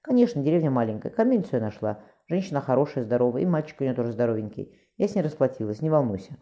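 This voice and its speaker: A woman's voice: extremely low pitch, sing-song, rapid-fire, mellow, exaggerated voice. A man voicing a soothing, firm motherly midwife. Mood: tender. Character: caring middle-aged mother and midwife.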